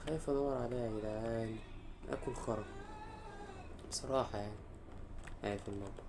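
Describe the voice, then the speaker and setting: A man's voice: mid-range voice, fast talker. Nervous Egyptian gamer man, noisy recording. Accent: Egyptian Arabic. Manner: jittery, nervous exclamations while playing. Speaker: gaming YouTuber. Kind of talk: let's-play commentary.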